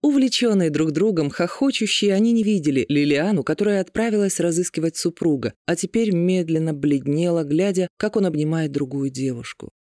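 A man narrating an audiobook with even, measured storytelling. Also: on the high side, dry recording, studio quality. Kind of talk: scripted narration of a romance novel.

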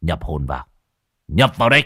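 A man's voice: very animated, brisk, bright, forceful tone, husky, no echo, studio quality, exaggerated voice. A man doing a menacing young exorcist. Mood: cold. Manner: low, growling threats.

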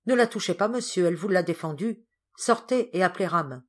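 A woman's voice: low voice, animated, moderate pace. A woman voicing a proud, scornful governess cousin in an audiobook. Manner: scornful, reproachful.

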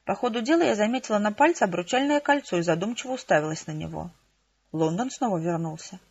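A woman narrating a comic detective novel in the first person, with a brisk, lively delivery, in a slightly muffled lo-fi recording. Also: mid-range voice, slightly rough. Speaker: audiobook narrator.

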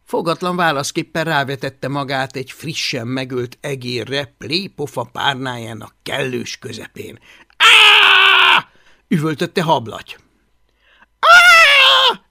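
A man narrating a children's adventure audiobook with an expressive, animated reading. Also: medium pitch, few pauses, no echo. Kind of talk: storytelling narration.

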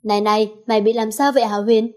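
A blunt young heroine talks in a casual, informal way, as a woman narrator puts her on. The voice is fairly high and close to the narration. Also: steady tone, fast, a little mellow, natural voice.

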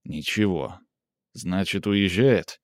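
A man reading aloud and voicing a brooding, quick-tempered young man, low and intense. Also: dry recording, clean studio sound.

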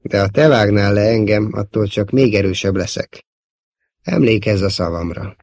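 A man voicing a wise, calm old male Jedi master, speaking slowly and solemnly. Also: fairly low pitch, dry recording, studio quality.

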